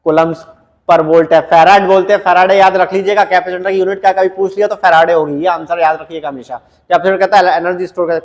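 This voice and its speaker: A man teaching an exam-prep science lecture, repeating key points and reading English definitions slowly, word by word. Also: high-pitched. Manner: repetitive, drilling, frequent "ठीक है" check-ins. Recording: long echo in a reverberant room.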